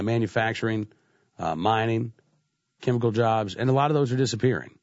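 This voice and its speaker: It's a man with a fairly low, slightly mellow voice, hosting talk radio while congested from a cold and filling his conversational speech with "uh." The sound from his studio microphone in the radio studio is lo-fi, with no room sound.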